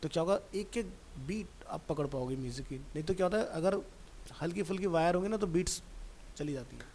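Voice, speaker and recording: A man's voice: a little high, lively intonation, fairly quick, darkish tone. Chatty male computer teacher, faint hiss. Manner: chatty, digressive, addresses student directly. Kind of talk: casual classroom talk.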